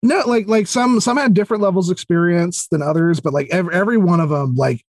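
This podcast guest, an audio drama creator, talks fast in a high, slightly mellow voice. The studio-quality recording has no room sound, and in the casual interview chat he rambles eagerly, repeating words and starting over.

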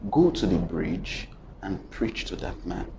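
Brief: a man giving a low, whispery, solemn divine voice, muffled sermon sound. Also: very animated, slow, creaky, a little mellow, a little hiss or hum, full character voice. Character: hushed commanding divine male voice.

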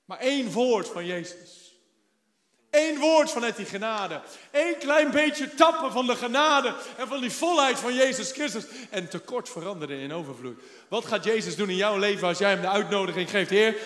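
A high-pitched man delivers a fervent sermon as a pastor, pushing toward loud, emphatic declarations. His voice rings through a roomy hall with a long, trailing reverb. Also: expressive, moderate pace. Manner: fervent preaching with rising exclamations.

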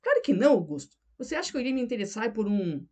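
A woman's voice: a little high, big pitch swings, racing, warm tone. A woman reading the lines of a conflicted young wife in an audiobook, defensive and pleading.

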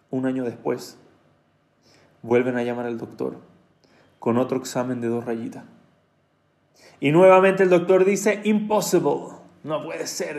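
Gravelly man giving a sermon. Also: mid-range voice, darkish tone. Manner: mixes in English phrases, acts out quoted speech. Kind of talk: sermon storytelling.

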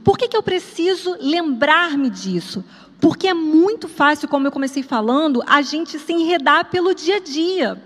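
High-voiced Brazilian woman preaching in church. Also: lively intonation, normal speed, in a large hall. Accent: Brazilian Portuguese. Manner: conversational, storytelling, addresses the congregation directly. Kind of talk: sermon. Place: church sanctuary at an evening service.

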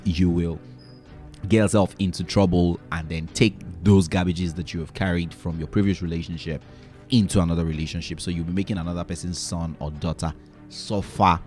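A man's voice: sits low, a little mellow. A man hosting a solo podcast, talking earnestly and giving advice, often checking in with "right?" and "you know". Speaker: podcast host.

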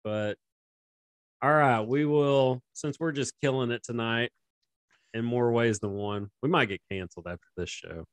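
A man's voice: mid-range voice, unhurried, no room sound. A man co-hosting a casual sports podcast, rambling and laughing often as he talks. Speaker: podcast co-host.

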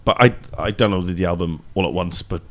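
A man's voice: low-pitched, brisk. A young man with a South Welsh accent, a guest musician chatting casually on a podcast with many ums. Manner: relaxed, hesitant with ums, laughs easily.

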